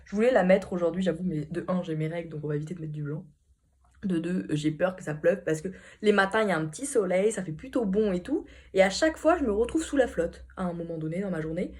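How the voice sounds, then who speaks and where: A woman's voice: fairly low pitch, fast talker, a little mellow. A young woman vlogging in casual, rambling chat, laughing often, with a starting cold. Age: young adult. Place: hotel room. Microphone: phone camera.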